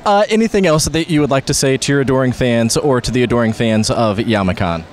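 A man's voice: medium pitch, fast talker, a little hiss or hum. A man interviewing a cosplayer, asking questions and teasing in a wry way. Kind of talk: casual interview.

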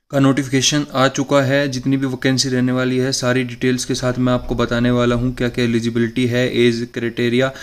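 A young man hosting a job news channel, casually walking viewers through a recruitment notice on screen and stumbling slowly over the English passages. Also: medium pitch. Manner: reads English notice text slowly, haltingly. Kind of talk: casual explainer over a document. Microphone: voice-over to a screen recording.

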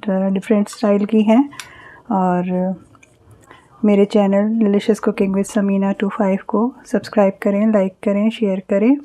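Warm-voiced woman explaining a home recipe. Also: mid-range voice. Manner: calm, step-by-step explaining. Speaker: cooking channel host. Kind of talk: home cooking demonstration. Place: home kitchen.

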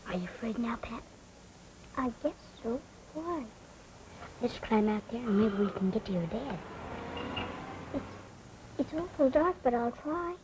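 A man's voice: very high-pitched, very animated, measured pace, long pauses, heavily acted. A young male actor playing a plucky small boy, scared but brave, in a 1930s film. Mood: shaky, brave. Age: child. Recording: noisy 1930s film soundtrack.

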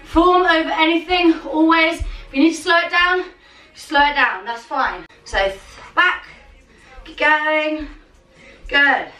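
Bright, high-pitched young woman coaching a workout. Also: takes it slowly. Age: young adult. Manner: urgent, commanding, motivating gym-coach calls in short bursts. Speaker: fitness coach leading a home workout. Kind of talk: workout instruction with countdowns and cheering on. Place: small home living and dining room. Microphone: camera a few metres away. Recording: roomy, distant mic, music underneath.

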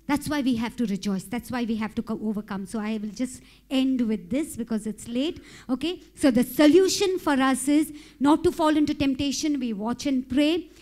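A woman's voice: high voice, moderate pace, few pauses. A middle-aged woman from India preaching a sermon into a handheld mic on a church stage, growing impassioned. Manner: impassioned, rising to shouted prayer. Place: church stage with pink backdrop.

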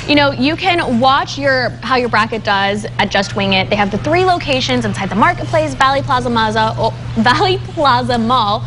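A woman's voice: fairly high pitch, animated, moderate pace, hardly any pauses, fairly bright tone, soft background music. A woman hosting an upbeat TV interview in a studio, chatty and playful. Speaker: TV host.

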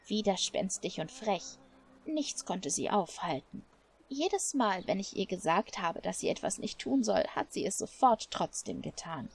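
A woman voicing a stern, protective elderly woman in a game, speaking slowly and gravely. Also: mid-range voice, very animated, exaggerated voice. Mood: reproachful. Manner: stern, scolding, slow and weighty. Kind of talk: game dialogue read aloud. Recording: faint music behind.

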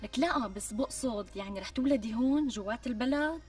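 An actress playing a nosy, teasing young friend in a TV sitcom. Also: female voice, a little high, a little fast, a little mellow. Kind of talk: TV sitcom acting. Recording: distant mic with clear music.

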